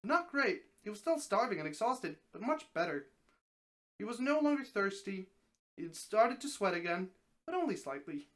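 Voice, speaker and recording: A streamer reads a story aloud as dramatic, expressive narration, occasionally stumbling over a word. The voice is medium-pitched and moves at a normal speed.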